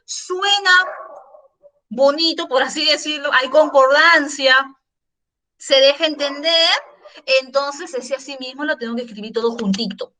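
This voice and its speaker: A woman's voice: high-pitched, measured pace, sharp tone. A middle-aged woman teacher explaining a grammar lesson patiently, asking her students questions and repeating examples. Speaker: secondary school language teacher. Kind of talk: online class explanation.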